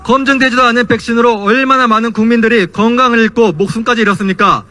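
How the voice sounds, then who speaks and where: A man's voice: extremely high pitch, steady tone, fast talker, sharp tone, raised voice, some chatter behind. A young man delivering an impassioned political rally speech as a student speaker, in a declamatory style. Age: young adult. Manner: impassioned, declamatory rhetorical questions.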